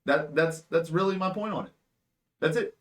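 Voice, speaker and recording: A man's voice: on the high side, moderate pace, fairly bright tone. Swearing, rambling man in his twenties. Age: 20s. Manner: rambling, swears often, many fillers. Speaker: podcast co-host. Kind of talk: casual chat.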